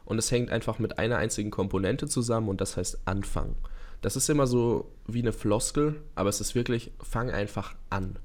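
A young man around twenty speaks as a guest in a podcast interview, earnest and eager, running his thoughts together with plenty of fillers. His voice sits fairly low. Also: brisk, darkish tone. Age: young adult. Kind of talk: casual interview talk.

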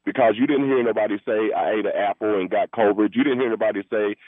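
Fast-talking and fairly low in pitch, a man rings in to a radio show and rambles argumentatively, refusing to let up. The sound is dry, without echo, and has the tinny quality of a phone line.

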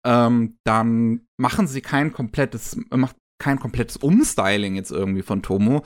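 A man's voice: mid-range voice, unhurried. Hesitant man chatting about anime. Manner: hesitant, many fillers and restarts. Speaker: podcast guest reviewing anime. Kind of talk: casual podcast chat.

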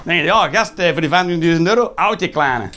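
A man's voice: fairly high pitch, expressive, fast talker, heavy background noise. A Flemish man in his thirties doing a sarcastic, swearing stand-up rant. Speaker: stand-up comedian.

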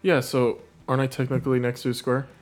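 Mid-pitched man asking at a game table. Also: monotone, fast talker. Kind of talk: casual game chat.

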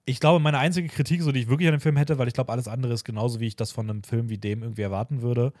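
A man's voice: mid-range voice, fairly even intonation, very fast, darkish tone, dry recording, studio quality. A man from Austria, hosting a podcast in casual chat, rambling with many fillers and restarts. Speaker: podcast host.

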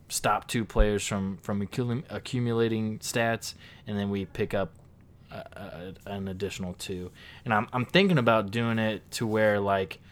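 A man's voice: fairly low pitch, slight background noise. A man hosting a casual sports podcast, thinking aloud with frequent stammered restarts. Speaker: podcast host.

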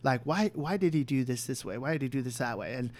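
Chatting candidly on a podcast he co-hosts, a young man rambles, restarting often and leaning on "you know." He speaks quickly and animatedly at a medium pitch.

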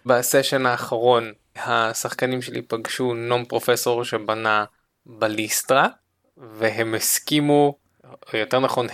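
A man co-hosting a casual podcast chat, telling a game story with lots of laughter. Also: mid-range voice. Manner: animated storytelling, laughs often. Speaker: podcast co-host.

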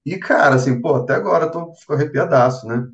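Animated Brazilian man telling stories, slightly distant. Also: a little high, quick pace, lo-fi sound. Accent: Brazilian Portuguese. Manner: animated storyteller, filler-heavy, says "cara" and "assim" often. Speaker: interviewed novelist. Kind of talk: casual interview conversation.

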